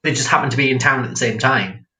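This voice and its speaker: A man's voice: medium pitch, quick pace, pushed and bright. A man hosting a casual livestream chat as a drag queen, giggly and chatty, reading out viewer comments. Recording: echoey room.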